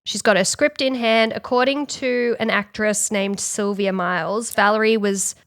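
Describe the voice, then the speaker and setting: A woman co-hosting a podcast, retelling a story in casual chat and acting out quick quotes. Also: medium pitch, steady tone, fairly bright tone, no echo, studio quality. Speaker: podcast co-host.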